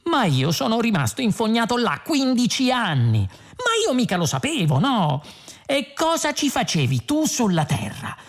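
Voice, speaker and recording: A woman's voice: fairly high pitch, big pitch swings, normal speed, voice pushed up. A woman voicing an impatient, worldly alien traveller who speaks in an exasperated, snappy way.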